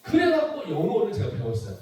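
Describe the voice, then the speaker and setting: A man in his fifties from South Chungcheong, preaching a lively testimony sermon and acting out voices. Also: sits high, quick pace. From South Chungcheong, Korea. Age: 50s. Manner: animated storytelling, acts out voices, laughs often. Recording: echoey hall, far from mic.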